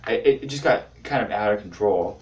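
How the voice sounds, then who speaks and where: Young man, amateur confessional comic, animated pitch, halting delivery, slightly distant camera mic. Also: highs cut off. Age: 20s. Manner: halting, many fillers and restarts, sudden whispers. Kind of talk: rambling confessional monologue to camera.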